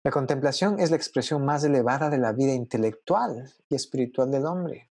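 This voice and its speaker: A young adult man preaching a sermon in a conversational, expressive way, often checking in with his listeners. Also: mid-range voice, a little fast, husky, no room sound.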